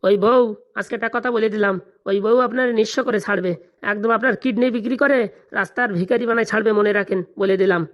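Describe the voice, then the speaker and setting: A woman's voice: medium pitch, fast talker, lightly acted. A woman voicing a quarrelsome young village man in a cartoon, heated and accusing. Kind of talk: cartoon dubbing. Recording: dull lo-fi sound.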